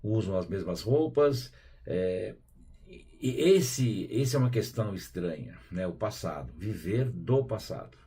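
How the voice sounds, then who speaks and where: A man with a Brazilian Portuguese accent leads a laid-back spiritual program, using plenty of tag questions and soft asides. His pitch is fairly low, his pace measured, and there's a breathy edge to his voice.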